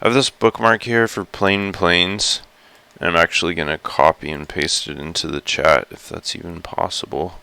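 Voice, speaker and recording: A man with a deep, gravelly just-woken voice drawls through a casual live stream. He talks slowly and wanders, correcting himself as he goes. The sound is crisp and bright, close and dry with no room around it. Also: fairly even intonation. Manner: rambling, chatty, many fillers and self-corrections. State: groggy just-woken morning voice. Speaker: live streamer exploring a virtual world.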